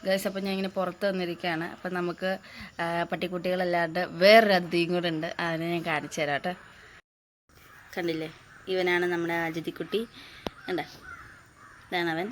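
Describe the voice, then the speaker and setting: Young woman, from Kerala, hoarse after a cough, lowish voice, casual home vlog chatter, filler-heavy. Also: flat delivery, brisk, long pauses, slight background noise. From Kerala, India. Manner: chatty, with many "appam" and "aa" fillers, addressing viewers as guys. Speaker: vlogger. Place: at home, indoors and in the yard.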